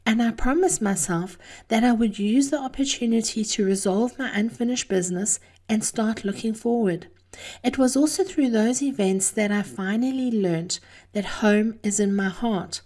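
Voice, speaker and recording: A middle-aged South African woman hosts an encouragement podcast. She speaks at a medium pitch for a woman, in an earnest and deliberate way. Her delivery is a prepared motivational monologue, told personally and directly to the listener. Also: warm tone.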